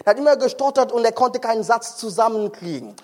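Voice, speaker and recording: High-voiced impassioned male preacher. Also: expressive, quick pace. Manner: impassioned, questioning the crowd. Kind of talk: sermon. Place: conference hall.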